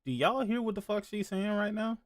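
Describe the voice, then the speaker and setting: A man's voice: high-pitched, expressive, brisk. A man hosting a podcast, reacting to clips with a profane, mocking, laughing rant. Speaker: podcast host. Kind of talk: reaction commentary.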